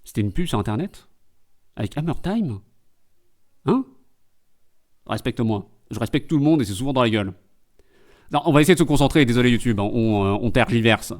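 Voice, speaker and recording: A man's voice: mid-range voice, lively intonation, fairly quick, long pauses, darkish tone. A man streaming live and doing comedic translation commentary, full of joking, rambling asides.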